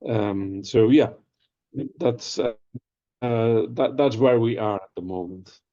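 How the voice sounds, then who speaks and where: A man's voice: fairly low pitch, slow pace, warm tone, no echo. A man giving a conference talk and Q&A remotely over a patchy video call, hesitant with many ums and restarts. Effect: remote talk over a patchy video call link. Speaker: presenter answering audience questions. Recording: muffled, dry video call audio.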